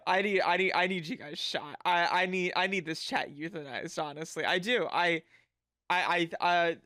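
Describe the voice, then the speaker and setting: A livestreamer with a medium-pitched voice chats casually with viewers in a cute anime-streamer style, animated, bubbly and sweary.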